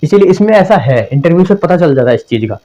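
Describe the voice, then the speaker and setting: A young man teaching a lesson in a mellow, somewhat high voice. He speaks conversationally, repeats himself and acts out example phrasings. The recording is dull and lo-fi. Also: sing-song, fast talker. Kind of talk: explanatory lesson.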